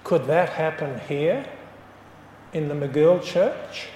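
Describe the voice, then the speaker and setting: A man preaches in a high, unhurried voice. He tells his story and drives home each point with emphasis. His words ring through a roomy church hall with a long echo. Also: animated, warm tone, a little hiss or hum. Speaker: pastor. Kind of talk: sermon.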